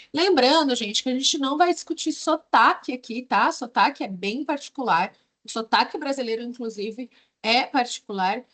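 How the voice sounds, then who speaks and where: A woman's voice: a little high, a bit bright. A woman with a Brazilian accent teaching English in a video lesson, explaining patiently and drilling words one by one. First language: Portuguese.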